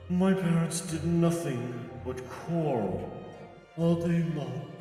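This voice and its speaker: A man's voice: on the high side, slow pace, mellow, faint music behind. A man voicing a brooding criminal with cave echo. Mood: bitter. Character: bitter male criminal recounting a poor childhood. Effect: cave echo voice filter. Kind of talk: fan voice dub, online group recording.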